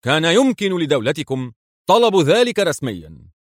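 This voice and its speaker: A man's voice: a little high, big pitch swings, normal speed, dry recording, studio quality, pitched above the performer's own voice. A man voicing a stern, angry middle-aged male Soviet general who speaks indignantly with a raised voice.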